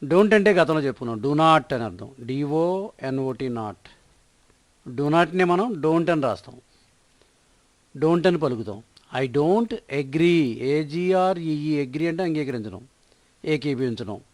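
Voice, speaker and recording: Slow, deliberate woman teaching phrases. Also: low voice, animated, dry recording. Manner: deliberate, repeats phrases and spells words letter by letter. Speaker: English teacher. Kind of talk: slow spoken-English lesson.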